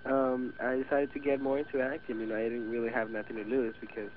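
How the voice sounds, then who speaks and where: A man's voice: medium pitch, monotone, quick pace. Teen man with Venezuelan Spanish accent, tinny audio. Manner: hesitant, many restarts, chatty. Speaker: guest actor. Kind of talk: casual interview. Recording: tinny phone-like radio audio with faint hiss.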